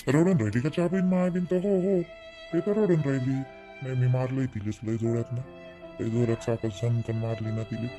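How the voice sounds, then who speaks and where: Guy doing an old village father-in-law, scolds then calms, middling voice with faint music behind. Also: medium pitch, normal speed, close to an everyday voice. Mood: questioning. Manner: scolds loudly, then soothes.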